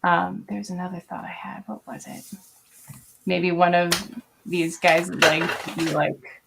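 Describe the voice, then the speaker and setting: Young woman, casual stream chat, thinks aloud, low voice, fry. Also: steady tone, unhurried, fairly bright tone, a little hiss or hum. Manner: rambling, thinking aloud with many fillers. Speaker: streamer and artist. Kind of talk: casual live-stream chat while drawing.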